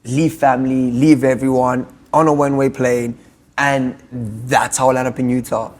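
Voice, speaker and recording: A man's voice: mid-range voice, flat delivery, moderate pace. A young man with a South African accent, a podcast guest telling his story in a loose, casual way full of fillers.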